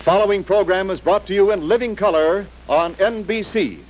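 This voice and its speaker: A man announcing like an old radio or TV show, formal and brisk, heard through an old broadcast recording. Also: high-pitched. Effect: old radio show broadcast sound. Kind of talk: old-time network announcement. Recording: muffled lo-fi old broadcast with clear hiss.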